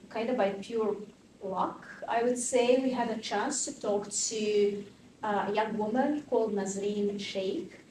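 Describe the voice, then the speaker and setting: Recorded off-mic in a roomy, echoey space at a conference venue with faint hiss, a mid-range voice belongs to a woman in her 30s from Croatia. She's a fashion activist giving conversational interview answers, lively and searching, and thinking aloud through many fillers.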